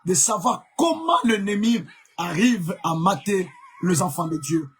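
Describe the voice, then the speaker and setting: Husky high-voiced Congolese preacher. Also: male voice, expressive, a little slow, fairly bright tone. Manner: emphatic, repeats key words, frequent fillers. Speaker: evangelist preacher. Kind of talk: live-streamed sermon.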